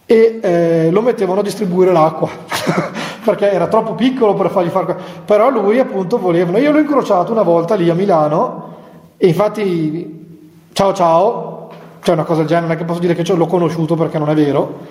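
Male friar preaching a relaxed retreat talk, higher voice, mellow tone, chatty with wry asides; echoey hall. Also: brisk. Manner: chatty, with humorous asides and chuckles. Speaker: Franciscan friar giving a retreat talk to nuns. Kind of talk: conversational spiritual talk. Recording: echoey hall with long reverb.

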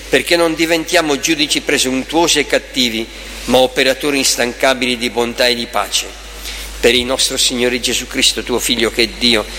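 A man leading the prayers of a Mass as a priest, intoning in a slow, solemn way, his voice carried by a cathedral echo. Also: medium pitch, bright, forceful tone, slight background noise. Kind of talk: liturgical prayer recitation. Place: large church. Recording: long echoing church reverb. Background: congregation.

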